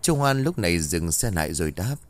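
A man's voice: sits low, sing-song, fairly quick, dry recording. A man narrating a ghost story, voicing each character's lines himself.

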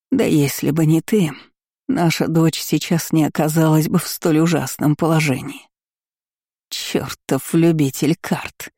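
A woman voicing a furious, scheming middle-aged baroness who talks in a slow, shrill and cutting way. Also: dark tone, no room sound, studio quality.

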